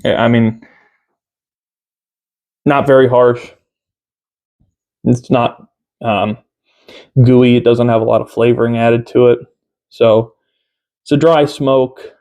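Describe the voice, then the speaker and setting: A man in his thirties giving a casual review to camera, unhurried and halting, often pausing mid-sentence. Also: mid-range voice, fairly even intonation, darkish tone. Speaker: tobacco reviewer. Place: small room at home, indoors.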